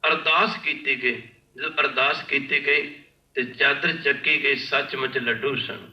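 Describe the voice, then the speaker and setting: A man's voice: mid-range voice, steady tone, a little slow. Impassioned male preacher in an echoey hall. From India. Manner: impassioned, repeats phrases, often says pardon me to the congregation. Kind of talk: sermon with storytelling. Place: large worship hall. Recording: echoey hall, distant mic, dull lo-fi.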